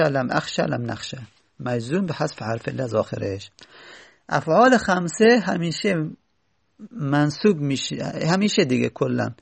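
A man's voice: fairly high pitch, gravelly, no room sound. A man teaching an Arabic grammar lesson, patiently repeating each rule and example step by step. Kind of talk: explanatory lesson.

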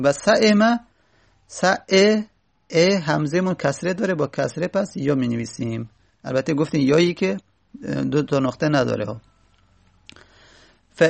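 Gravelly-voiced man teaching grammar. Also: on the high side. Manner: reads a rule aloud, then explains it step by step; asks the class questions and answers them himself. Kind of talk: grammar lesson explaining a textbook.

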